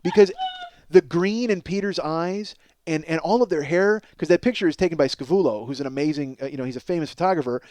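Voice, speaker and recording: A middle-aged man with a slightly high voice hosts a comedy podcast at a quick pace, his profane, self-mocking monologue rambling and excitable, with frequent stammers on repeated words. No room sound comes through.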